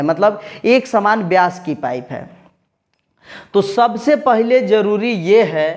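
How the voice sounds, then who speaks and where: A man's voice: high-pitched, dull audio. Man teaching AC pipe welding. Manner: explanatory, speaks directly to students. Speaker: AC repair instructor. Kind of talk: tutorial lesson.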